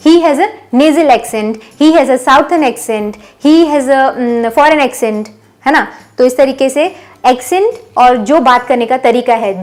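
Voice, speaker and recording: A high-voiced woman gives a bilingual lesson on English phrases, patiently and steadily explaining each one. She then says the example sentence slowly and deliberately, drawing it out so learners can repeat it.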